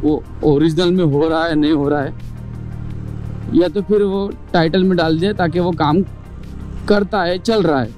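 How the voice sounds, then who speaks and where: A man's voice: on the high side, measured pace, pauses often, darkish tone, faint music behind. A young man talking casually to camera as a motovlogger, explaining his points one by one with rhetorical questions. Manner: explains in numbered points, mixing English words; chatty, asks rhetorical questions.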